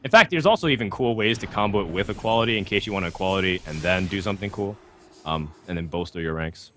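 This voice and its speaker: A man's voice: low-pitched, fast talker, sharp tone, a little hiss or hum. A man giving live card game commentary, thoughtful and analytical, with frequent ums and likes. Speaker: esports commentator.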